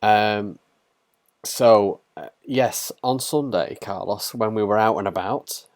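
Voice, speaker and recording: A man co-hosting a podcast livestream, talking in a relaxed, rambling way with lots of fillers. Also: fairly low pitch, takes it slowly, dry recording, clean studio sound. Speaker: podcast co-host. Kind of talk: casual livestream chat.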